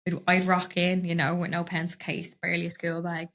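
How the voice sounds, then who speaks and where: A woman's voice: fairly low pitch, completely flat delivery, fairly quick, a bit bright. Dublin woman, podcast guest; chatty, rambling, laughs easily, studio mic. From Dublin, Ireland. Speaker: podcast guest, business owner. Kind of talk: casual interview chat.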